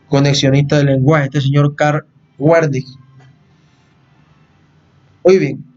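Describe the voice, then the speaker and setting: Brief: male lecturer, slightly high voice, patient and repetitive, dull lo-fi recording. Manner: explains patiently, repeats phrases and checks in with "¿no?".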